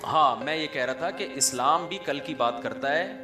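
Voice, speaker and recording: A middle-aged man, an Islamic scholar giving a humorous sermon with chatty storytelling and asides to a live audience. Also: a little high. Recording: echoey hall, faint music.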